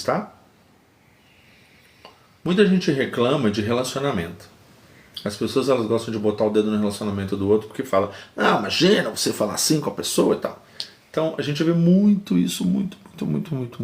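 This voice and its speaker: A man speaks at a middle pitch, talking a live audience through a lesson. He is calm and patient, repeats key words for weight and leans on simple everyday examples. The recording carries a noticeable roomy echo. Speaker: live stream host. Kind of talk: teaching talk to a live audience.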